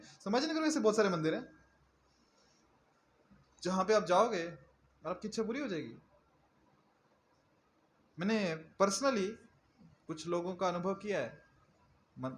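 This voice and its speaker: A man's voice: a little high, fairly bright tone, a little hiss or hum. A male preacher giving a sermon in a conversational manner, often asking his listeners questions. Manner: conversational, asks the audience questions.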